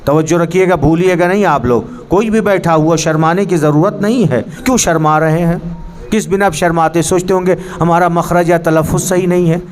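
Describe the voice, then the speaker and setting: A man teaching a Quran pronunciation class, earnestly correcting his students and demonstrating the Arabic sounds. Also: fairly high pitch. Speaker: religious teacher. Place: mosque hall.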